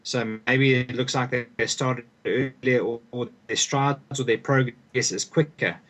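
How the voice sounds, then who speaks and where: Steady and measured, the mid-range, fairly bright voice belongs to a young man from South Africa. As a guest author and performance coach, he gives thoughtful conversational answers, frequently repeating words when he restarts a sentence.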